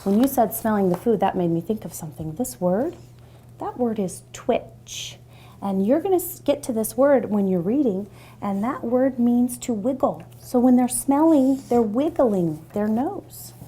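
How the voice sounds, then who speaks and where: A woman tutoring a young child in reading one-on-one, gentle and encouraging. She praises often and drops her voice to a soft near-whisper. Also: a little high, lively intonation, unhurried, slightly rough.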